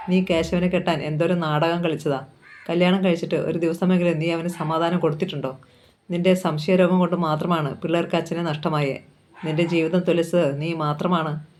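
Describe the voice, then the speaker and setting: A woman's voice: fairly low pitch, close to an everyday voice. A woman reading as a furious older aunt. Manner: loud accusing outburst. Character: furious older aunt scolding her sister-in-law.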